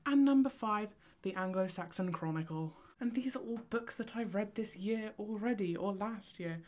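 A young woman from Cornwall, England, a vlogger and photography student, chats to a tripod-mounted camera in a Cornish accent. Her medium-pitched talk is a fast, chaotic, excitable ramble.

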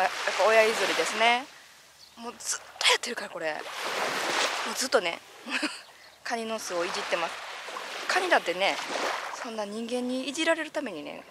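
A woman with a Kansai accent, chatting casually and excitably while vlogging outdoors by the sea. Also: medium pitch, heavy background noise. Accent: Kansai Japanese. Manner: chatty, excitable, playful, breaks into laughs. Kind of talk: casual outdoor vlog chat.

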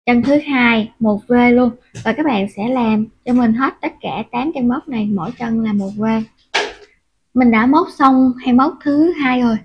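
A woman with a breathy, somewhat high voice guides viewers through a crochet project one stitch at a time. She counts stitches aloud and pauses on filler sounds while she works. The recording sounds muffled and lo-fi. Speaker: crochet instructor. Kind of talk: step-by-step crochet tutorial. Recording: dull, muffled lo-fi audio.

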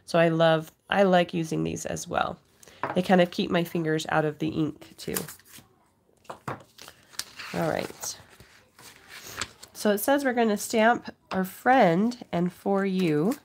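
A woman's voice: fairly low pitch, takes it slowly, gravelly, pauses often, a little hiss or hum. A middle-aged woman with a cold, giving a casual craft demonstration to viewers as the host at home. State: has a cold, occasional cough. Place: indoors at a home craft table.

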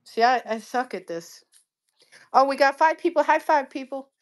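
A woman's voice: sits high, moderate pace. A woman in her fifties hosting a casual live stream from her living room, chatty and blunt, talking into a phone at arm's length. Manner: chatty, blunt, laughs easily. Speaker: cooking channel host. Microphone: phone held at arm's length.

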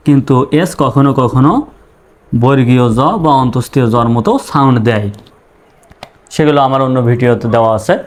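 A man, teaching English spelling in a spoken lesson. He spells words out letter by letter, then rises sharply to ask about the wrong readings. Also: mid-range voice.

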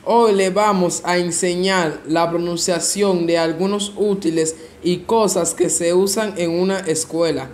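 A man teaching vocabulary, reading word pairs slowly and deliberately, each one said twice. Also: high-pitched, fairly even intonation, a little mellow, a little hiss or hum. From Haiti. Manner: slow, deliberate pronunciation. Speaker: language teacher.

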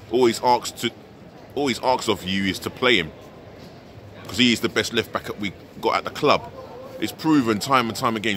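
A middle-aged man vlogs outside a stadium, holding the camera at arm's length. His voice sits low but has a bright, forceful edge as he vents his frustrations as a fan. Faint urban noise is heard behind him. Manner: frank, exasperated fan venting about his team. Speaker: football fan vlogger, host. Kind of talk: pre-match vlog to camera. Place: outdoors by a large stadium, city plaza. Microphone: handheld camera at arm's length.

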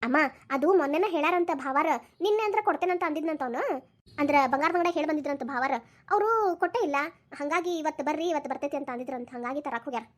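A woman voicing a cheerful, helpful younger sister who talks briskly and reassuringly, in a Dharwad Kannada accent. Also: high-pitched, natural voice. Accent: North Karnataka (Dharwad) Kannada.

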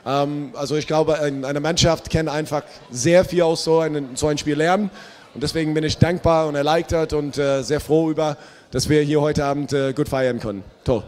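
A man's voice: fairly high pitch, fairly even intonation, moderate pace, a little mellow. A basketball coach, a man, talking candidly after a game, with fillers, into a handheld mic. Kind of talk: postgame press talk. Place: stage in a large dark hall. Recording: long hall reverb.

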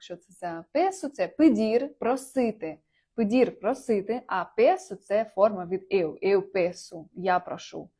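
A woman's voice: mellow, slightly rough. Chatty woman teaching with laughs. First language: Ukrainian. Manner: chatty, laughs often, jumps up in pitch on example words. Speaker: Portuguese language teacher. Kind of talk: casual video lesson.

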